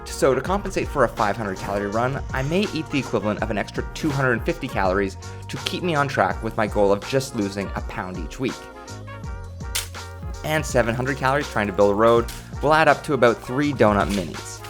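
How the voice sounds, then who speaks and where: A man's voice: medium pitch, lively intonation, fairly quick, music in the background. A young man narrating his fitness vlog in a scripted voice-over, upbeat and matter-of-fact. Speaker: fitness vlogger.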